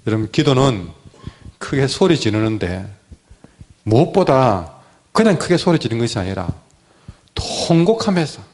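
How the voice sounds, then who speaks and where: A male pastor preaches with his throat a little sore, pushing through it anyway. His pitch rises and falls widely, with sudden loud cries and then quiet, near-whispered phrases. His voice sits at an ordinary middle pitch for a man. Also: big pitch swings, measured pace, pauses often. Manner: impassioned preaching, swings from loud cries to hushed words. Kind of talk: sermon.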